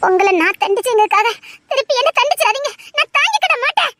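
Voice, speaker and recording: A woman's voice: very high-pitched, lively intonation, fast talker, noisy background. A woman voicing a desperate young woman who tearfully and insistently begs her lover to marry her, in an audio drama. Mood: pleading. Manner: pleading, tearful, insistent repetition.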